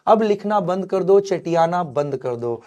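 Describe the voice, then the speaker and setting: Here the young male chemistry teacher speaks a little slowly in a high voice, giving an animated online exam-prep class. Hindi and English terms mingle in his speech, and his students are his kids.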